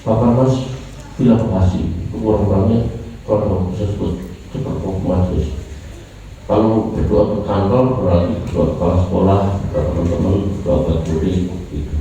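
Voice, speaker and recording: Indonesian pastor guy preaching, dips low then pushes up loud, dull muffled stream sound. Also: fairly even intonation, moderate pace, a little hiss or hum. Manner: swings between soft low asides and raised emphatic lines. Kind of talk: sermon. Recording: echoey, distant, dull church livestream.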